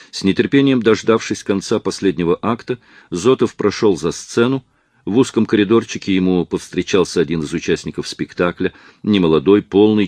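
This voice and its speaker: Male narrator, deep and lively reading, dry studio sound. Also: dry recording. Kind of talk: audiobook reading.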